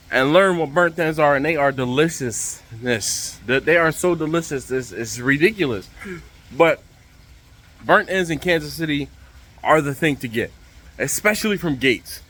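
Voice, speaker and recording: A man hosting a casual vlog to camera, speaking outdoors over the rushing water of a waterfall by a pool. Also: a little high, expressive, fairly bright tone. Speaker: vlog host.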